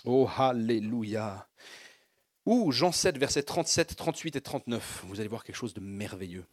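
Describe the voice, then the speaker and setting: A man's voice: mid-range voice, sing-song, fairly quick, no room sound, clean studio sound. A man preaching a sermon, leading the congregation in call-and-response and building fervor. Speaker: pastor.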